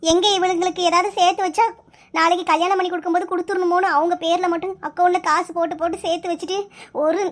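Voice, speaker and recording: A woman's voice: very high voice, little pitch movement. A woman voicing a mistreated young village woman in her twenties in a cartoon, telling her hardships in a tearful, pleading way. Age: 20s. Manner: tearful, pleading, rapid storytelling. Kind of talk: cartoon voice acting.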